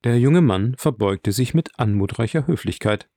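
A man reads a classic novel aloud at an even, unhurried pace. His voice sits at a middling pitch and the recording is close and dry, with no room sound. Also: dry recording. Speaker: audiobook narrator. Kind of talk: scripted narration.

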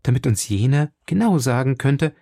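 A man's voice: medium pitch, lively intonation, moderate pace, dark tone, husky, no room sound, studio quality. A man voicing a frightened young woman in hiding, pleading urgently with her rescuer in a raised voice. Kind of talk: audiobook character voice.

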